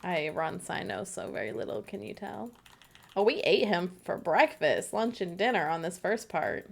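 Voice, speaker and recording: Giggly girl streamer chatting w her co-op buddy, kinda creaky voice, keyboard clacking. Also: fairly low pitch, expressive, normal speed. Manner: bubbly, giggly, chatty with co-op partner. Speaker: livestreamer. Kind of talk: casual gameplay chat.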